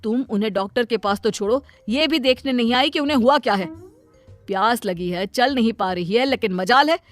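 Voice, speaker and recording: A blunt, irritated cartoon dad, voiced by a woman. He scolds in short, brisk bursts, with a noticeably lower voice than the woman's usual high tone. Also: faint music behind, natural voice. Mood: scolding. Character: stern middle-aged father, blunt and irritated. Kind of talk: Hindi cartoon voice acting.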